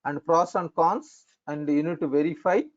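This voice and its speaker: A man with an Indian accent explaining things as an instructor in an online lesson, in halting, repetitive phrasing. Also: fairly high pitch. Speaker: instructor in functional finance consulting. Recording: dull, lo-fi online call audio.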